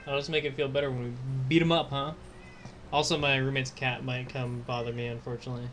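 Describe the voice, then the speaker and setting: A man's voice: medium pitch, little pitch movement, quick pace, a bit bright, a little hiss or hum. A man hosting a game playthrough with casual, wry, riffing commentary. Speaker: host playing through a video game.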